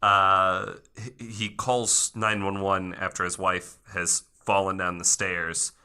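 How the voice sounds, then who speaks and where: A man hosting a podcast, wry and joking, with halting restarts. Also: low-pitched, level tone, pushed and bright, clear, resonant tone. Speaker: podcast host. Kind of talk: casual chat.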